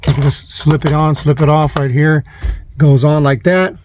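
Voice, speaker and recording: A vlogger shows a DIY installation inside and around a parked van, narrating in a casual, rambling way and repeating himself as he goes. His voice is a little high with little pitch movement, at normal speed. The handheld recording is noisy and has clicks.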